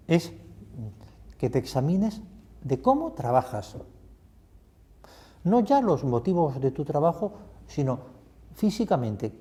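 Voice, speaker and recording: Mellow priest. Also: male voice, fairly high pitch. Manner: reflective, poses many questions to the listener. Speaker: priest leading a retreat. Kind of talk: spoken retreat meditation.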